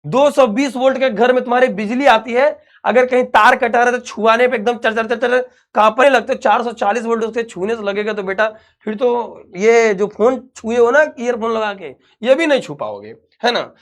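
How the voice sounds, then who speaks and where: A man's voice: extremely high pitch, moderate pace, a bit bright. A young man, teaching an online physics class in a chatty, reassuring way and calling the students his dear children.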